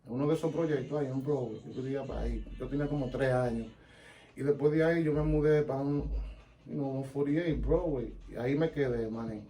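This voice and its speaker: Fast-talking and dark in tone, this New York rapper sits as a guest for a casual interview chat, speaking street slang with the occasional switch into Spanish. His voice is medium-pitched, and the recording is low quality.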